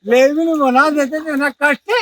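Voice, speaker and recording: Despairing high-voiced village man. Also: fairly even intonation, moderate pace, fairly bright tone, far from the mic, poor audio. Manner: despairing, repeats himself. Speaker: distressed villager. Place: outdoors by floodwater.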